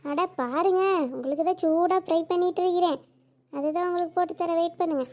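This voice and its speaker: A woman's voice: extremely high pitch, a little fast, warm tone. A woman voicing a frazzled young woman running a chicken stall, chatty and complaining, with a southern Tamil Nadu accent. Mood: chatty, grumbling.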